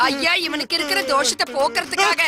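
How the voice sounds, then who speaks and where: A woman's voice: high voice, fairly quick, natural voice. A woman dubbing a worried elderly grandmother in a film, coaxing and scolding her grandson. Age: older. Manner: scolding, coaxing, then wailing. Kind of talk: Tamil film dub. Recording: film soundtrack with music.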